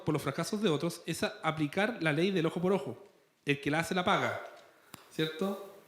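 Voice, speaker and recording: A man with a Chilean accent preaching a sermon in a church, conversational and playful, tossing in rhetorical questions. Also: sits high. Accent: Chilean Spanish. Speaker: pastor.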